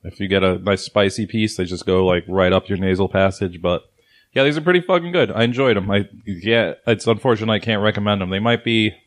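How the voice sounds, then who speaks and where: A man's voice: lowish voice, brisk. A man hosting a casual snack review, rambling and laughing between swears. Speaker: host.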